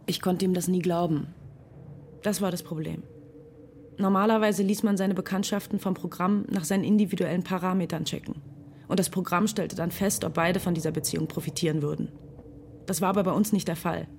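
Woman as quiet, reflective narrator, lowish, a bit of fry, radio play. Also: fairly even intonation, brisk, a little hiss or hum, natural voice. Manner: quiet, thoughtful, restrained.

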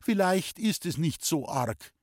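Male reader voicing a gentle, fretting mother; raised, slow, placating. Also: sits high, expressive, no room sound, clean studio sound, pitched above the performer's own voice. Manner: pleading, soothing, slow. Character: anxious, placating middle-aged mother. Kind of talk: audiobook reading.

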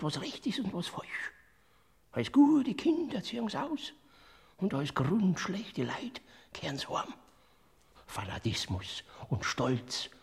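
A sly death figure in a radio play, speaking in a husky Bavarian whisper. His pitch swoops widely between hushed lines. Now and then he bursts out loud. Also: heavily acted. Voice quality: husky, breathy.

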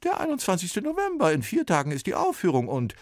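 A man voicing a fussy, scolding older male copyist in a storybook reading, raising his voice high and talking fast. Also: wildly swooping pitch, dry recording, clean studio sound. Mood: impatient. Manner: exasperated, quick, raised voice.

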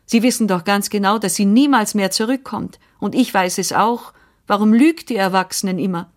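A defiant little orphan girl crying out her protests, as a woman voices her in an audiobook. Her voice rises high and loud, pushed and tearful. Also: moderate pace, natural voice. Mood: accusing. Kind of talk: audiobook reading.

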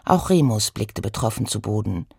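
A woman narrating a children's detective radio play in a lively, expressive storytelling manner. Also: a bass voice, normal speed, gravelly, slightly rough, no room sound, studio quality.

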